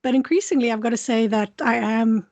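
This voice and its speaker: In a conversational interview, a South African doctoral student with a local accent speaks briskly in a fairly high, darkish voice. She's reflective and frank, frequently restarting her thoughts, and there's no room sound.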